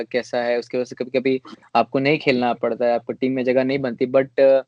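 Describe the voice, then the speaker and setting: A man's voice: mid-range voice, a little mellow, no room sound. Hesitant young man, dry dull audio. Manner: hesitant, many fillers and restarts. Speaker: cricketer, interview guest. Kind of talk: casual interview answers.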